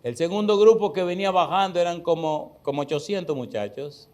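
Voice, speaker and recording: Male pastor, middle-aged, slightly high voice; storytelling sermon, punchy repetition, direct questions to the congregation. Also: brisk, a little mellow. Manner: emphatic, repeats key words for stress; addresses listeners directly with questions.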